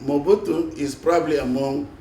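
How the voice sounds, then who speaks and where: A man's voice: on the high side, steady tone, moderate pace, dark tone. An older man from the Congo, speaking as a panelist in a hesitant way, with many fillers and laughing asides. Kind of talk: panel discussion, telling anecdotes. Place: conference hall panel. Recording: roomy hall, distant mic, faint noise.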